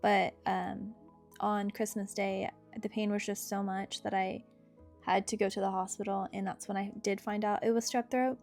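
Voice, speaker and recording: With guitar music in the background, a young woman chats casually through a personal story. Her mid-range voice is flat in delivery, moderately paced, creaky, and slightly mellow.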